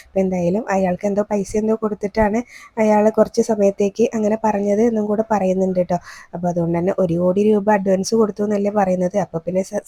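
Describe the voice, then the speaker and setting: A woman's voice: medium pitch, mellow, dry recording. A woman hosting a serial review channel, retelling the plot in a chatty, casual way and often adding a friendly "you know" tag. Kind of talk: fast casual plot recap.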